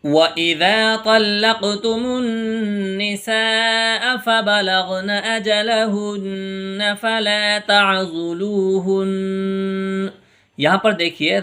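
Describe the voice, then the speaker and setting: A man from India teaching Quran reading, explaining each letter quickly and then reciting the verses slowly in a chanting voice. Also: a little high, bright, forceful tone. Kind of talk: recitation lesson.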